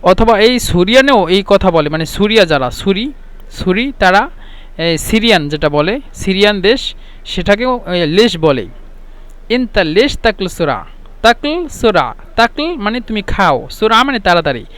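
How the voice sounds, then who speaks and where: High-voiced man teaching Arabic phrases. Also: sing-song, fairly bright tone, clean tone. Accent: Bangladeshi Bengali. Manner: repeats phrases slowly word by word, then explains. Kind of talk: language lesson explaining and repeating phrases.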